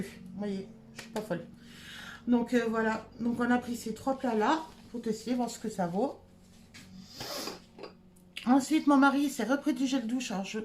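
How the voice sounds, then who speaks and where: Chatty woman with a higher voice. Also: a little mellow, a little hiss or hum. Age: adult. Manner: chatty, many hesitations. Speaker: haul vlogger. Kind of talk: casual product haul chat. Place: home.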